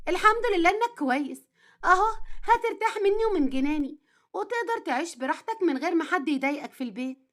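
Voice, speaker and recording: A woman voicing a lively, stubborn young wife with an Egyptian accent, teasing and emotional, in a storytelling drama. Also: very high voice, quick pace. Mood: pleading. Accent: Egyptian Arabic.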